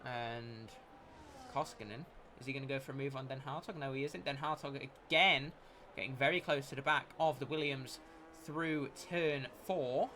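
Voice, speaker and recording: A man giving live motorsport commentary as a race commentator, with an excitable delivery that rises at incidents. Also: medium pitch, normal speed, slight background noise.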